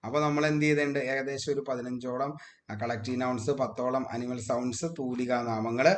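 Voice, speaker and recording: A man's voice: medium pitch, flat delivery, fairly quick. Guy doing exam prep class, says each fact twice, quizzes then answers himself. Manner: drills facts by repeating them, asks then answers himself. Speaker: exam coaching teacher. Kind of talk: exam revision lesson.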